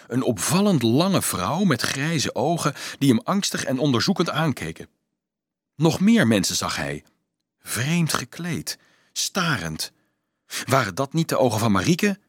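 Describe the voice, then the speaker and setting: A man reading a novel aloud as a dramatic, expressive audiobook narrator. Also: medium pitch, a little slow, slightly rough, no echo, clean studio sound. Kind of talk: scripted narration.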